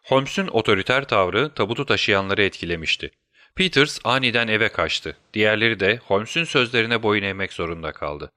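In scripted audiobook narration, a man tells a detective story with steady, measured delivery. His voice sits on the low side, captured dry at studio quality.

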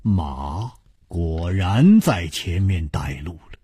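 A man narrating a story in a slow, expressive, theatrical way, with sighing asides, into a studio microphone. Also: low-pitched, slightly rough, no room sound.

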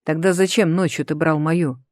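A woman voicing a grim, watchful young man who speaks low, hushed and terse. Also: steady tone, normal speed, no echo, clean studio sound, lightly acted. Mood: menacing.

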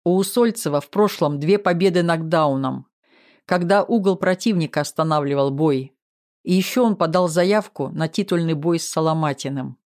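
A man's voice: on the high side, normal speed, a little mellow, lightly acted. A man reading an audiobook, voicing a short-tempered male fight coach who barks and scolds. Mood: grim. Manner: barking, scolding.

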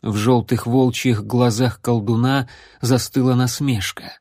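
Male narrator, measured and unhurried, dry studio sound. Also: mid-range voice, fairly even intonation, darkish tone, no echo. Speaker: audiobook narrator. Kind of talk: scripted fantasy narration.

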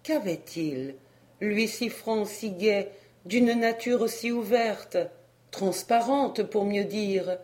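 A woman narrating a classic novel as a volunteer audiobook reader, in a measured, expressive way. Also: medium pitch.

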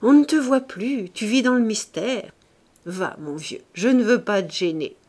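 A woman's voice: medium pitch, expressive, unhurried, darkish tone. A woman voicing a caring young man coaxing his friend, in a storybook reading.

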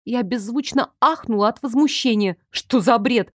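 A woman reading a first-person audiobook in a lively, ironic, expressive way. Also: fairly high pitch, moderate pace, no room sound. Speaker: audiobook narrator.

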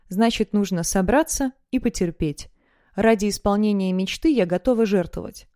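A woman narrating an audiobook in the first person, in a lively, conversational way. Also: mid-range voice, no room sound, clean studio sound.

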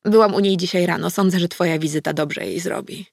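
A woman voicing a cheerful, slightly tipsy female friend in an audiobook, with a lively, bubbly manner. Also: fairly low pitch, brisk, creaky, no room sound, studio quality. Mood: serious. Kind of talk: audiobook character voice.

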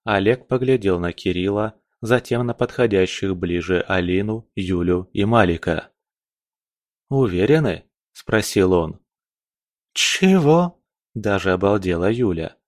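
A male audiobook narrator with a lowish voice, reading the story in an even, measured manner. The sound is close and dry, with no room around it. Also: dry recording. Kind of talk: scripted narration.

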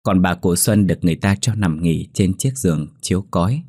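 Man, ghost story narrator, somber, dramatic, very deep voice, dry close sound. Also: fairly quick, a little mellow, no room sound.

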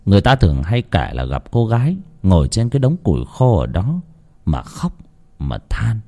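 A man narrating a ghost story in a dramatic, hushed storytelling manner. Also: lowish voice, big pitch swings, fairly quick.

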